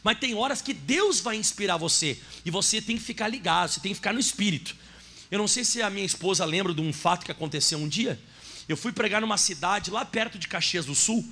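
A man's voice: sits high, lively intonation, fast talker, bright, forceful tone. A man preaching a sermon as pastor, telling a story and speaking directly to his congregation.

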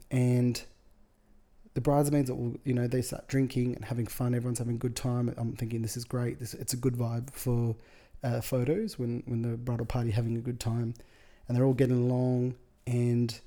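A man's voice: mid-range voice, mellow. A man casually telling a rambling story, with lots of quoted dialogue and amused asides. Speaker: podcast host, wedding photographer.

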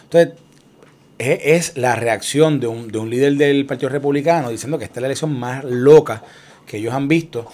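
A man's voice: medium pitch, brisk, darkish tone. A man co-hosting a radio show, chatting about politics and acting out quoted people as he tells a story. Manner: storytelling, acts out quoted voices. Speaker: radio co-host. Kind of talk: casual political chat.

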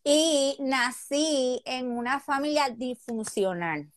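A woman from Puerto Rico in her thirties with a Puerto Rican accent, a guest telling her life story in a casual interview, speaking softly and candidly with some hesitation. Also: high-pitched, slow pace, no room sound, clean studio sound. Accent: Puerto Rican Spanish.

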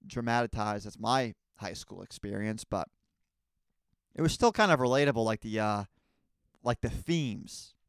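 Young dude doing a solo podcast, crude rambling bits, deadpan, crisp voice. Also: male voice, medium pitch, no room sound, clean studio sound. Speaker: podcast host. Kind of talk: casual comedic monologue.

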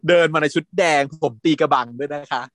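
A man casually recapping a TV drama as a podcast host, animated, laughing often and acting out lines. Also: a little high, fast talker, no echo.

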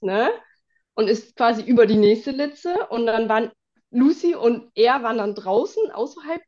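A young woman with a slight cold chats through a story in a casual podcast, full of fillers and bursts of laughter. Her voice sits at a middling pitch. The recording is somewhat dull and lo-fi. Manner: lively anecdote-telling, frequent fillers and laughs. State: has a cold, clears throat. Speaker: podcast host.

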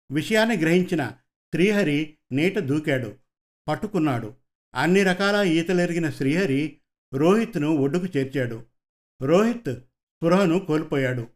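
A man reading a story aloud in a steady, measured way. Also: on the high side. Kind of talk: scripted story narration.

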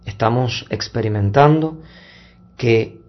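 A man speaking as a priest at Mass, measured and deliberate, in solemn liturgical reading and preaching. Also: medium pitch, lo-fi sound. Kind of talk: solemn Gospel reading and homily. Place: church Mass livestream.

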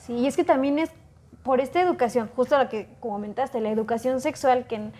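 A woman's voice: high-pitched, fairly quick, dark tone, slight background noise. A woman in casual conversation, sharing her own childhood memories. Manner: conversational, recounts personal experiences.

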